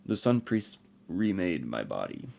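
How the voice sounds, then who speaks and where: A man voicing an ancient armored warrior emperor, speaking formally and gravely in a rich voice. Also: low voice, big pitch swings, measured pace, a little mellow, full character voice. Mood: solemn. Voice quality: rich voice with an unfamiliar accent.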